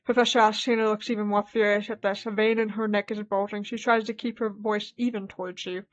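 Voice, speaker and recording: A woman's voice: mid-range voice, brisk, muffled recording. A woman streamer reading a dating game's text aloud and reacting with laughing asides. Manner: animated, laughing asides between read lines.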